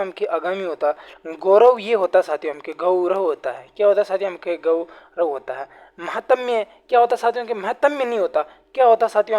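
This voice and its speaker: A man's voice: sits high, a little mellow. A man teaching an exam-prep grammar class online, who keeps asking questions and answering them himself. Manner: repetitive call-and-response questioning.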